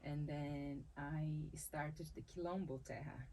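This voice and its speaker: This Brazilian-accented woman has a low-pitched, dark voice with fairly even intonation and a slow pace. Originally from Salvador, Bahia, with Portuguese as her first language, she works as a dancer and capoeira teacher. In this conversational interview she sounds thoughtful, often starting her phrases over and laughing readily.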